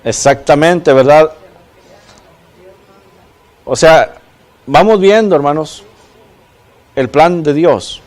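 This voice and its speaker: A man's voice: fairly high pitch, slow, long pauses, a little mellow. A man preaching a sermon, often putting questions to the congregation and adding "¿verdad?". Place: church.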